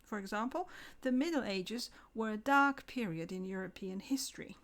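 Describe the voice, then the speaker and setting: A woman giving a scripted English lesson, slowing down to pronounce example words carefully. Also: medium pitch, fairly bright tone. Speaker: English teacher.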